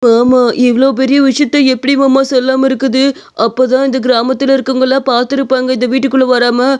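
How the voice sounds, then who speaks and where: A woman doing a timid cartoon boy, anxious and scared. He speaks in a high voice. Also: flat delivery, brisk, darkish tone, smooth, lightly acted. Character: frightened young boy, timid and worried.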